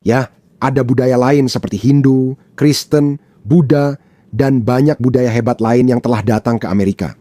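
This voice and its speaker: Mellow-voiced man giving emphatic commentary. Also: mid-range voice, steady tone, normal speed, dry recording. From Pakistan. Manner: emphatic, repeats points for effect. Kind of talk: opinionated commentary.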